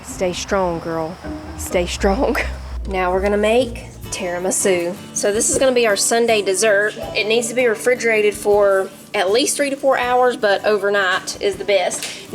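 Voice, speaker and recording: Chatty Southern woman vlogging her garden and kitchen. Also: mid-range voice. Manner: chatty and homey, laughs easily, talks to her animals. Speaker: home cook and gardener, channel host. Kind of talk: casual garden and cooking vlog.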